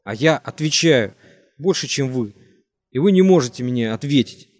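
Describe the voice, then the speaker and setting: A man voicing a bitter, drunk young man who rants and breaks into shouts, in an audiobook reading. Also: mid-range voice, expressive, normal speed, lightly acted. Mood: shouting. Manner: ranting, voice rising to shouts.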